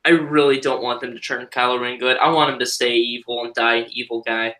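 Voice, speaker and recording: A man's voice: mid-range voice, steady tone, fairly quick, pushed and bright. A man chatting casually as a guest on a live stream, rambling and cutting himself off mid-thought. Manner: rambling, self-interrupting. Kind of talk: casual chat.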